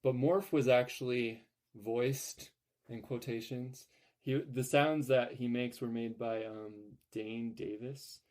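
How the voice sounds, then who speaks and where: Young male podcast host, mellow tone, rambling and upbeat, filler-heavy. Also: medium pitch, fairly even intonation, takes it slowly. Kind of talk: casual podcast chat.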